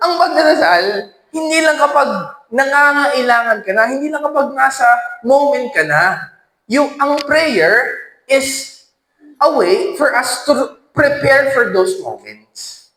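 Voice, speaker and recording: A man's voice: very high voice, takes it slowly, roomy sound, rough recording. A man giving a church teaching talk, telling stories and often asking the audience questions. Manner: animated storytelling with frequent questions to the audience. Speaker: speaker at a faith formation session.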